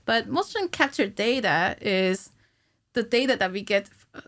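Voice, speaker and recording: This woman, a cinematic animator, stumbles a bit as she explains her craft on a casual podcast, but her mid-range voice is a bit bright with lively intonation. She's seated in a small curtained studio indoors, wearing headphones and speaking into a boom-arm studio mic, and the sound is dry.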